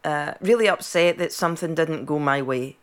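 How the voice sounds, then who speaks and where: A woman's voice: low voice, moderate pace. Scottish woman, podcast co-host, casual chat, chatty, reflective, video call. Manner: chatty, laughs easily, reflective.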